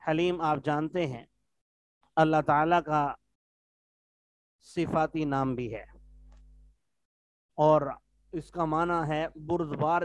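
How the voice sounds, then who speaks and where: Male teacher, online lesson, patient explainer, a bit high-pitched, dry close sound. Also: clear, resonant tone, dry recording. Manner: explains words patiently, asks students if they follow. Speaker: teacher of Arabic texts.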